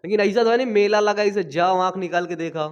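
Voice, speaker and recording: A young man teaches biology with lots of energy, throwing out questions and answering them himself. His voice sits very high for a man. He motivates his students and drops in playful everyday examples. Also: quick pace, smooth, lo-fi sound. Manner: lively, keeps asking and answering his own questions. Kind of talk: energetic classroom lecture.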